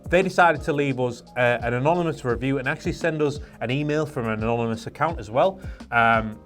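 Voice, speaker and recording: A British man presenting for a shop, casually reading out customer reviews in wry disbelief, with music behind him. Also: mid-range voice. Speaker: presenter for an airsoft and paintball shop.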